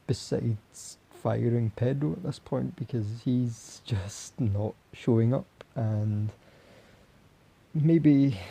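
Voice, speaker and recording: Young guy doing a fan reaction vlog, voice giving out, super husky and gravelly, sounds let down. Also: mid-range voice, warm tone. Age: young adult. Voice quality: husky, raspy. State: hoarse, voice giving out. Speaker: football fan vlogger. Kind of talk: solo post-match reaction talk.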